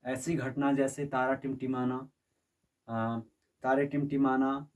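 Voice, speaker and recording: Slowly and in a level tone, a man with a mid-range, slightly mellow voice gives a physics lecture to his class. He keeps posing questions to make sure the students are following. The mic sits some distance away from him.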